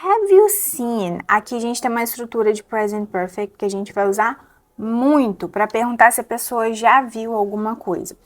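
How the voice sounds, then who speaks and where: A young adult woman with a Brazilian Portuguese accent, teaching English pronunciation step by step and repeating words slowly to model them. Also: on the high side, steady tone. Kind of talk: pronunciation lesson.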